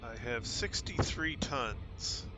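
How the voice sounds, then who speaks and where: A man's voice: mid-range voice, takes it slowly, music in the background. A man streaming a space game, chatting casually with friends and calling out ship commands. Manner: relaxed, calls out game commands. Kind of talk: casual gameplay chat.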